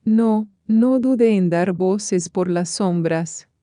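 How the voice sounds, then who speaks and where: A woman reading epic poetry aloud in a slow, measured recitation. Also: medium pitch, warm tone, no echo, clean studio sound. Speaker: reader.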